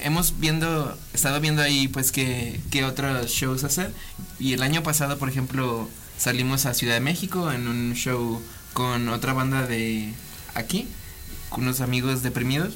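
A man in his thirties with a Mexican Spanish accent, a band member talking in a relaxed, rambling way. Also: medium pitch, moderate pace, slight background noise. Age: 30s. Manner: relaxed, rambling, many fillers. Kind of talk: casual interview.

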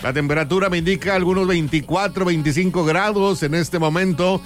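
Male morning radio host, northern Mexican accent, high register, ringmaster showmanship, folksy slang, music underneath. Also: brisk. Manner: folksy, slangy, addresses listeners as a crowd. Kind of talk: live morning radio show patter. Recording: music bed behind the voice.

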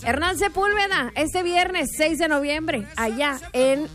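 A woman's voice: sits high, slow, a bit bright. A woman hosting a call-in radio show, chatty and upbeat, laughing with callers and pushing events. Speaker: radio host.

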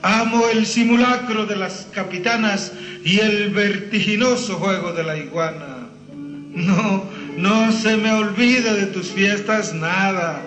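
A man's voice: high-pitched, slow pace, a bit bright. A man from Mexico's Costa Chica with a coastal Mexican accent, reciting a long poem in a solemn, sing-song declamatory style. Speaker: poet reciting. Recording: roomy, dull lo-fi recording with music. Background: music playing.

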